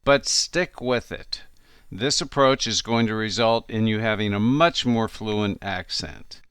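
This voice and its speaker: A man's voice: fairly low pitch, unhurried, fairly bright tone, clean tone, no room sound. A man narrating a language course in a scripted, encouraging and reassuring instructor's manner, recorded on a studio microphone.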